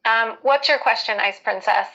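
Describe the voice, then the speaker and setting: A woman's voice: on the high side, normal speed, bright, forceful tone, highs cut off. A woman hosting a casual live skincare Q&A, giving advice in a conversational, hesitant way as she thinks aloud.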